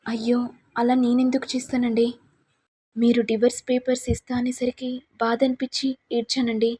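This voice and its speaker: A woman voicing a meek young wife who pleads gently with her husband. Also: fairly high pitch, little pitch movement, fairly quick, breathy edge. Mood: pleading.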